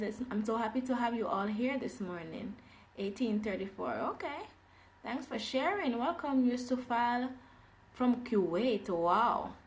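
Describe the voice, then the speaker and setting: A woman from Jamaica teaching English on a live phone stream, cheerfully greeting viewers and repeating her welcomes. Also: fairly high pitch.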